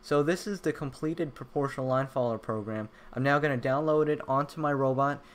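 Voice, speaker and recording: A young man narrating a programming tutorial, explaining each step clearly with casual asides. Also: medium pitch, fairly quick. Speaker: robotics tutorial host. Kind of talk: screen-recorded tutorial narration.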